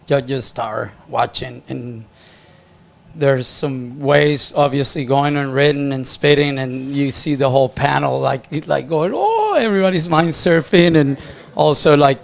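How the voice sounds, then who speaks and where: A man's voice: mid-range voice, flat delivery, a little slow, creaky. A man offering casual live commentary as a surf contest announcer and local expert.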